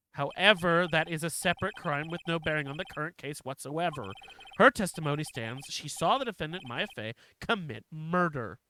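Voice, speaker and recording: A woman voicing an older male judge in a lowered, measured, officious tone. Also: a bit bright, a little hiss or hum, rough recording. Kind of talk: live game voice-over reading.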